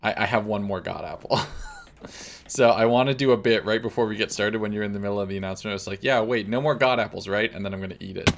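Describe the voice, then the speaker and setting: A man's voice: on the low side, steady tone, fast talker, creaky. A man hosting a gaming video, mixing narration with casual chat among players.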